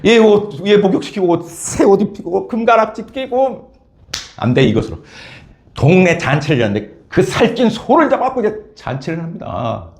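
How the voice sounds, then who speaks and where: A male preacher giving a lively, story-driven sermon, often prompting listeners with "예?" and "여러분". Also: high voice, normal speed. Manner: animated storytelling, frequent "예?" and "여러분".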